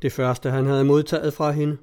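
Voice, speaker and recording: A man narrating a story as an audiobook, in a steady, measured reading voice. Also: on the high side, clear, resonant tone.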